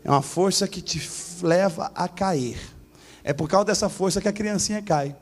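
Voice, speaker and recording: A male pastor preaching a sermon in church, telling a story with animated shifts of voice. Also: moderate pace. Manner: animated storytelling, acting out voices with big pitch swings.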